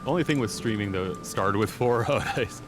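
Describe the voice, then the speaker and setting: Low-voiced man streaming a game. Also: a little fast. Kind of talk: casual live game commentary. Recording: music and game sound behind.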